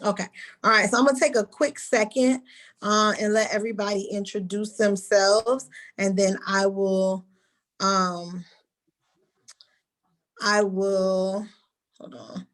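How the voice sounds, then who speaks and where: A woman's voice: mid-range voice, steady tone, slow, pauses often, low-quality recording. Friendly woman instructor on a video call. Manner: friendly, directive, calls on students by name. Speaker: hair school instructor. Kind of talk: online orientation class.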